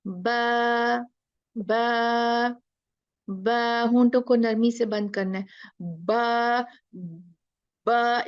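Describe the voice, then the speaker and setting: A woman teaching a live online class, speaking very slowly with a gravelly edge in a fairly high voice. She stretches each letter sound out patiently and mixes English phrases into her talk. The audio is dry and dull, like a laptop mic on a call. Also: darkish tone, no room sound. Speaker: Quran recitation teacher.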